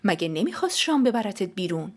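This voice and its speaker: A woman's voice: medium pitch, very animated. A woman reading a fretful middle-aged mother.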